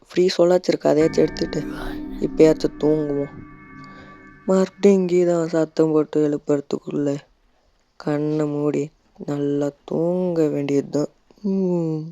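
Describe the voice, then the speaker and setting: A man's voice: on the high side, mellow. A Tamil-accented man narrating his gameplay in a loose, chatty way. He keeps up a running commentary and playfully scolds the character on screen. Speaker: gaming YouTuber. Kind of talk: casual let's-play commentary.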